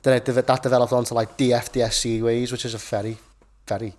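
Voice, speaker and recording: A man's voice: mid-range voice, level tone, fast talker, a little mellow. Brief: young man, chatty podcast guest, rambling delivery heavy on fillers. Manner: rambling, lots of filler words. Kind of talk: casual chat.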